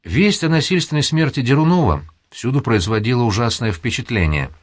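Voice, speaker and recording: A man calmly reading a novel aloud as the audiobook narrator. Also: mid-range voice, brisk, no room sound.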